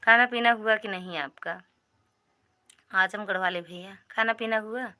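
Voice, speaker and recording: A woman's voice: medium pitch, unhurried, pushed and bright. A woman with an Awadhi accent hosting a casual live stream, chatty and calling her viewers brother and sister. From Pratapgarh, Uttar Pradesh, India.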